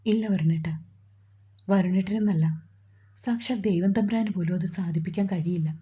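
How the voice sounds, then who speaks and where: A woman voicing a gentle, orphaned young woman who speaks softly and sorrowfully in a romantic storybook. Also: medium pitch, normal speed, breathy edge. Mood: sad. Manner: soft, sorrowful.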